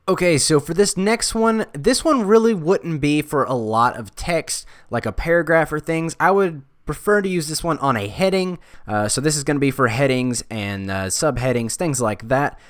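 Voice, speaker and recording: A man's voice: fairly high pitch, lively intonation, moderate pace, hardly any pauses, no echo, clean studio sound. A young man casually talking through his favorite design picks, thinking aloud with frequent uhs and ums. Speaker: design video creator. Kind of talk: casual screen-recorded tutorial talk.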